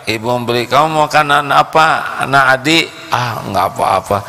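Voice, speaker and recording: A man voicing a kind, generous mother in a sermon story, coaxing and soothing the children gently. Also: mid-range voice, moderate pace, long reverb tail, voice pushed up.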